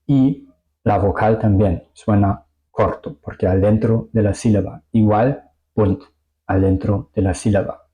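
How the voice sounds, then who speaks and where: A man's voice: lowish voice, steady tone, measured pace, mellow, rough recording. A German man teaching a language lesson in Spanish, with small slips, repeating example words carefully and often checking with "ok?".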